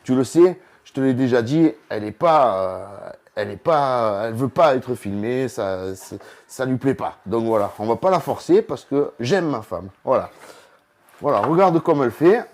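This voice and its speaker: A man's voice: medium pitch, animated, normal speed, a little mellow. A man hosting a casual home cooking vlog, talking chattily straight to the viewer. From southern France. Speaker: cooking video host. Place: home kitchen.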